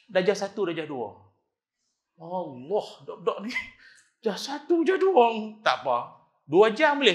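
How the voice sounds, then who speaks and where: A middle-aged man with a northern Malaysian Kedah accent, giving an animated, jokey mosque lecture and acting out the voices in his stories. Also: a little high, echoey room. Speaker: preacher. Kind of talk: lively mosque lecture with storytelling.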